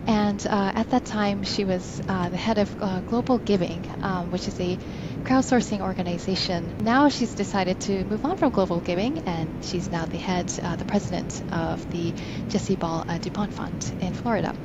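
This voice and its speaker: A woman's voice: medium pitch, moderate pace, lo-fi sound, heavy background noise. A woman hosting a podcast, politely introducing and questioning her guest with many fillers. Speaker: podcast host. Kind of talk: interviewing a guest.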